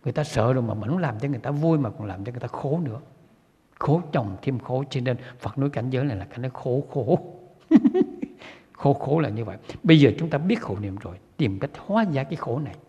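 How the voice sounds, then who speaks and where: Male preacher, husky, earnest and repetitive, asks the crowd questions; muffled recording. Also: mid-range voice, animated, quick pace, warm tone. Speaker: Buddhist lay teacher. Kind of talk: sermon. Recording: dull lo-fi recording with long hall reverb.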